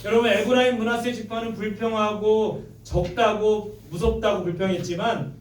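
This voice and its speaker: A man's voice: high voice, fairly even intonation, normal speed, a little hiss or hum. A male pastor delivering a sermon, reading scripture aloud and leading his congregation in call-and-response. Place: church sanctuary. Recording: echoey church, mic at a distance. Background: congregation answering amen.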